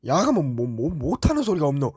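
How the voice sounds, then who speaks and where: A man voicing a blunt, rough-tongued middle-aged uncle who talks in a thick regional dialect, in a comedy skit. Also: a little high, huge pitch swings, fairly quick, a little mellow, no echo, studio quality, full character voice. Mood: grumbling.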